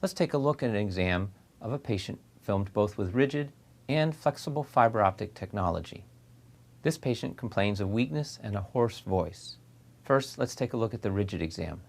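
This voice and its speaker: Low-voiced man narrating medical lecture. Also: expressive, normal speed, gravelly. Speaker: laryngologist lecturer.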